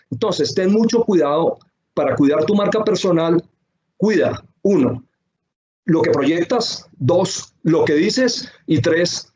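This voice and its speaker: A man's voice: on the high side, a little mellow, muffled recording. A man giving a sales webinar, speaking, stacking emphatic lists and rhetorical questions. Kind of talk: webinar presentation. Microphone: computer microphone on a video call.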